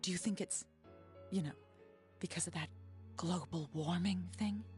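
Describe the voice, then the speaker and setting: A woman's voice: fairly low pitch, moderate pace, a little mellow, lightly acted. An actress voicing a worried, gossipy townswoman in a video game, with a hesitant manner. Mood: anxious. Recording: faint music behind the voice.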